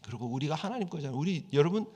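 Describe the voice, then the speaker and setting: A man's voice: on the high side, lively intonation, racing, a little mellow, husky. A male pastor preaching a sermon in a conversational style. He acts out the quoted prayers and complaints of the people he describes. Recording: church hall reverb.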